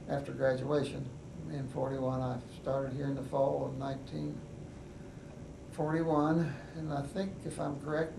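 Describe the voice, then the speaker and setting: Slowly and with frequent pauses and fillers, an older West Virginian veteran recounts his life in an oral history interview. His gravelly voice sits fairly high and barely rises or falls. He's heard from a distance in an echoey room with steady background noise.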